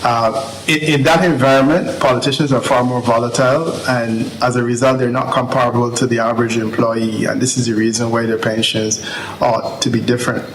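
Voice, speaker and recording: A man presents policy arguments in a structured, measured way, his gravelly voice carrying a roomy echo. A faint hum of background noise sits underneath his words. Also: mid-range voice, little pitch movement. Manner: measured, structured by numbered points. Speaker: commentator giving a video presentation. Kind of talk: prepared policy remarks.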